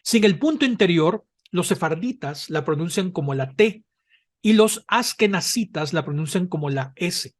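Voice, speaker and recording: A man teaching a Hebrew language class, explaining patiently and often pausing with "eh" or checking in with "¿verdad?". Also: high-pitched, lively intonation. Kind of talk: online class lecture.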